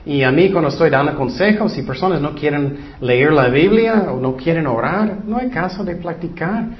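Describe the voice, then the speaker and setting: A man delivers a casual Bible lesson in a slightly high voice, earnest and conversational, stepping aside often to explain. The recording is dull and lo-fi, with little top end. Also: lively intonation, normal speed. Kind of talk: informal Bible teaching.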